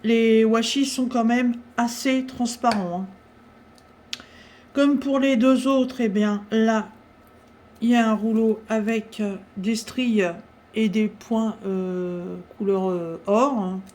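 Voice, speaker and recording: A woman chatting casually through a craft-supply haul, talking with many pauses and fillers. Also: on the high side, fairly even intonation, a little mellow.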